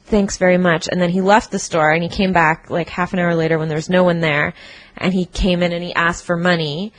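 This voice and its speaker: A woman's voice: fairly low pitch, fairly even intonation, fairly quick, no room sound, low-quality recording. A woman co-hosting a podcast, telling a work story in casual chat, acting out the people she quotes and laughing often. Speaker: podcast co-host. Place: apartment.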